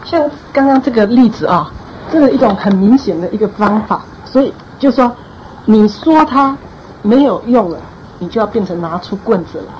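A woman's voice: mid-range voice, lively intonation, moderate pace, a little hiss or hum. A woman pastor advising a church group on raising children, speaking firmly and repeating her key points for emphasis. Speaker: pastor giving parenting advice. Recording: dull lo-fi recording, faint ambience.

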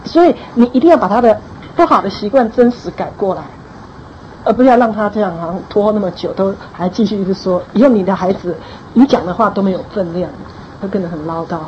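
A woman's voice: medium pitch, fast, dark tone, slight background noise. A woman pastor advising a church group on raising children, speaking firmly and repeating her key points for emphasis. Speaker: pastor giving parenting advice. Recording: dull lo-fi recording, faint ambience.

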